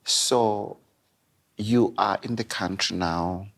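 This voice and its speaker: A man's voice: on the low side, slow, vocal fry, a bit bright. A man hosting a talk show, asking questions and speaking earnestly and emotionally to the guest and to viewers. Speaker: host. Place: indoor dining room set at a table.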